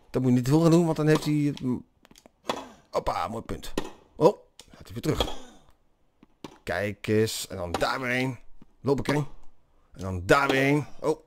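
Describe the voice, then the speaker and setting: Man, casual gameplay commentary, animated up-and-down voice, excited exclamations, clear game sounds underneath. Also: medium pitch. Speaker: gamer, channel host. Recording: clear game noise behind.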